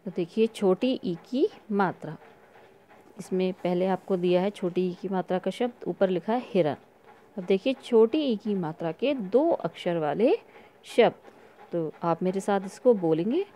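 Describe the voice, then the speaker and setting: A woman teaching a recorded online class to young children, reading words slowly and clearly for them to repeat. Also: lowish voice, lively intonation, warm tone. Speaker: school teacher.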